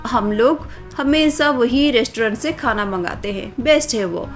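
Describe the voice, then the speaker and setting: A woman's voice: a little high, close to an everyday voice. A woman voicing a spoiled, snobbish rich young city woman who talks in a boastful, dismissive way, over faint music. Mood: snooty. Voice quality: boastful, dismissive, drawn-out complaining.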